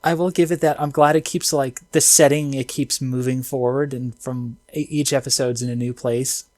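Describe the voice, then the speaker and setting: Excitable slangy man, dry close sound. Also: medium pitch, normal speed, dry recording. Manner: excitable, slangy, filler-heavy. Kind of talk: casual anime review chat.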